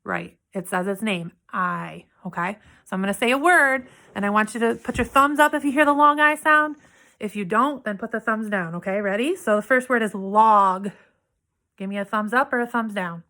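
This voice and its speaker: A woman teaching a phonics lesson to young children, sounding out words slowly and checking in with "okay?". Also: mid-range voice, bright, forceful tone. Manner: slow, clearly sounding out words and letters; asks frequent "okay?" check-ins.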